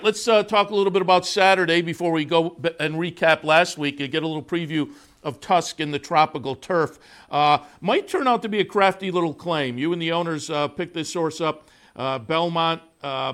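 A man hosting a horse racing show, interviewing a guest in a relaxed, conversational way with frequent fillers. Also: on the high side, smooth. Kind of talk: broadcast interview. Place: studio in the Saratoga area.

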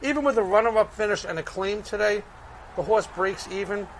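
A man's voice: sits high, fairly quick, a little hiss or hum. A man with a Brooklyn accent giving conversational horse racing analysis and picks as a handicapper. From Brooklyn, United States.

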